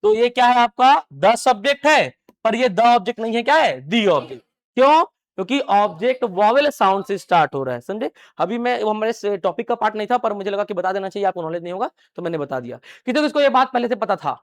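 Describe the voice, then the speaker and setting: High-voiced man teaching a class. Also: big pitch swings, fast. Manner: asks the class a question, then answers it himself; repeats key phrases many times. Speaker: English teacher. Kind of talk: live classroom lecture. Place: classroom with students.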